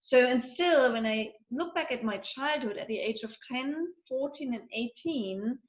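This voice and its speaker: A woman's voice: a little high, a little slow. A woman in her forties from Eastern Germany, a guest telling her life story in a chatty way, full of fillers and restarts. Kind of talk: casual conversational interview. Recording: roomy, dull lo-fi audio.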